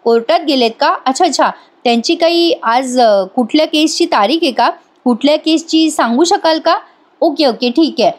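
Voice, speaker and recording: A worried young man who talks things over with his friend in an anxious, conversational way, as read by a woman narrator. The voice is high. It is a recap voice-over read. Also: normal speed, lightly acted.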